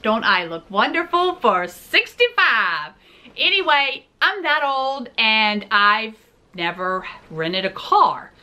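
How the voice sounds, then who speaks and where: A woman's voice: fairly high pitch, big pitch swings, slow, sharp tone. A woman in her forties hosting a casual shopping haul vlog, chatty and jokey, talking straight to her viewers. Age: 40s. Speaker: vlog host.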